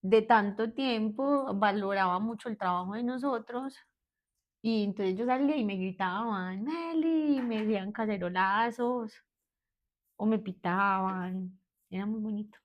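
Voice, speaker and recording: In a lo-fi recording, a woman in her thirties with a Medellín Colombian accent speaks at medium pitch and a measured pace. She's a therapist appearing as a guest, candidly and hesitantly telling her own story and repeatedly starting over.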